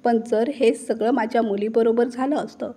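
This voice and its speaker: A woman voicing a wronged middle-aged mother-in-law who has turned defiant, speaking slowly and with emphasis. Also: fairly high pitch, steady tone, mellow, husky. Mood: anguished. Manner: slow, emphatic dramatic delivery.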